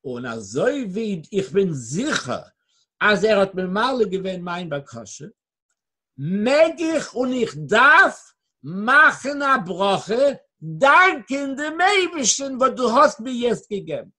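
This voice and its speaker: A Torah teacher giving a religious lecture with Hebrew quotations and chanted blessings, swinging from low murmurs to loud emphatic bursts. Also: very animated, slow pace, breathy edge.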